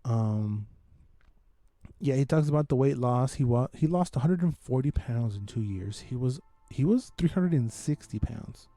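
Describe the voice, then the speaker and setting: A man's voice: medium pitch, animated, moderate pace, mellow, no echo. A man hosting a podcast, chatting casually in slangy, informal language as he gives his reviews. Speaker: podcast host. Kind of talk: casual chat, reviewing games and comedy specials.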